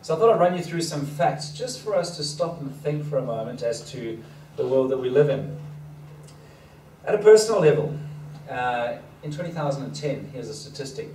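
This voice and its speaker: In an event hall full of listeners, a seminar speaker with a darkish, mid-range voice chats his way through a talk, often at his own expense. He was raised in Africa, his first language is Danish, and a slight foreign accent shows. The audio is distant and roomy, with plenty of hall noise.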